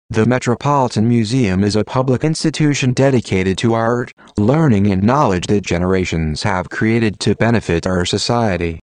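A man's voice: lowish voice, no echo. A computer-generated male voice like an old speech synthesizer, reading formal text as scripted narration with mechanical, stilted phrasing. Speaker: automated narrator of an audio series. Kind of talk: scripted read-aloud narration of formal texts.

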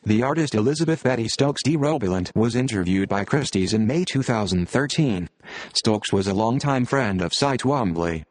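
Male text-to-speech narrator: old speech synthesizer sound, lowish pitch, very dry recording, mechanical scripted reading. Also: animated, normal speed, no room sound. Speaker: narrator of an audio series.

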